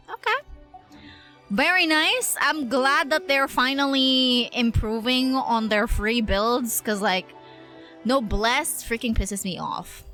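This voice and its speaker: A young adult woman livestreams a game, chatting casually with viewers in slangy talk over game music. Her voice sits on the high side and sounds pushed and bright.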